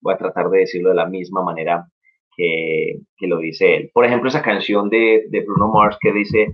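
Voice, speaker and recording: A young man hosting a casual live-stream English lesson, talking in a lowish voice. He sounds upbeat and encouraging and walks through his points one by one. The audio is dull and lo-fi, like a streamed recording. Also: steady tone, normal speed. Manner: upbeat, encouraging, explains step by step. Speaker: English teacher. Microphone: live-stream mic.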